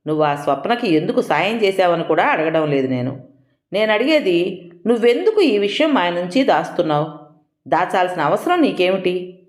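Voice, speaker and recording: A stern, accusing older uncle who presses with sharp questions, as a woman storyteller puts him on. The lines ride up and down with a lively swing, and an echoey room rings around the voice. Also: fairly low pitch, normal speed. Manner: accusing, interrogating. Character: stern angry older man, protective uncle.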